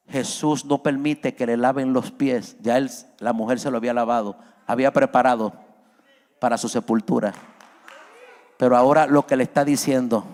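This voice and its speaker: A man preaching a sermon as a pastor, his voice climbing high and loud as he acts out pleas. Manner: preaching, voice rises high and loud when acting out Peter's plea. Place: church hall. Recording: long reverb of a large church.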